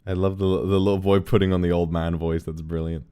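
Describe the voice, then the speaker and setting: A man's voice: low-pitched, little pitch movement, a little fast, mellow, clear, resonant tone. A man chatting casually as a streamer, reacting to a film. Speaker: streamer hosting a film watch-along.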